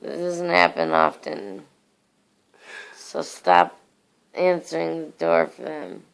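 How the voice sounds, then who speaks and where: A woman sleep talking in a fairly low, gravelly voice. She rambles in disjointed, nonsensical phrases, drowsy and on the slow side, as if chatting to someone at home at bedtime. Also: big pitch swings, poor audio.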